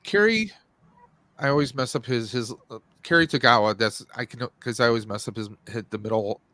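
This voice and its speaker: This forties-aged host keeps his livestream podcast loose and jokey as he discusses movies and games. His voice sits at medium pitch, brisk with a sharp tone, and there's no room sound at all.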